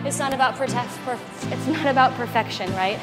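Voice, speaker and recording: A woman's voice: high-pitched, fairly quick, long reverb tail. A woman in her thirties coaching a workout like a motivational pep talk, calling out counts and short rousing commands as she exercises. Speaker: fitness instructor leading a workout. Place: large bright loft studio, indoors. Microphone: body-worn wireless mic. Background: music.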